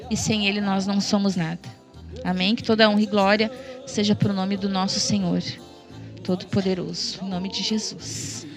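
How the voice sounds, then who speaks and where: A woman with a mid-range voice speaks at a moderate pace with a flat delivery, giving a fervent, emotional religious testimony as a guest at church. Her tone is tearful, and she keeps tagging her sentences with "né?" Music plays in the background.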